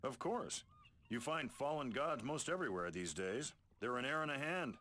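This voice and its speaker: Sarcastic, grumbling sailor, swooping pitch. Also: male voice, expressive, moderate pace, pushed and bright. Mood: mocking. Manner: sardonic, exasperated. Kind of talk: video game character acting.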